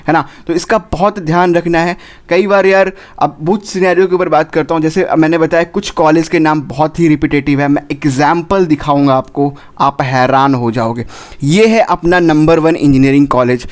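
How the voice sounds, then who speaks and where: Young male counsellor, slightly high voice, urgent and repetitive warnings. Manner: urgent, repetitive, warns directly, drops English words into Hindi. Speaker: admissions counsellor. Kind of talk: counselling advice video.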